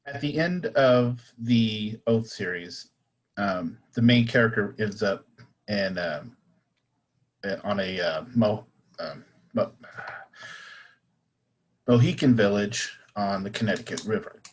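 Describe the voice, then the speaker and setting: A man's voice: lowish voice, slow, long pauses, poor audio. A man with a Southern US accent talking in a casual panel discussion, hesitant and full of fillers and restarts.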